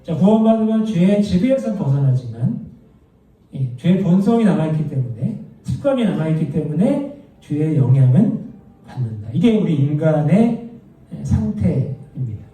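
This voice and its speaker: Male Bible study teacher, conversational, dark mellow voice, distant in a very echoey room. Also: fairly high pitch, very animated, normal speed. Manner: conversational, explains doctrine with asides and anecdotes. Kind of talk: church Bible study lesson. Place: church room.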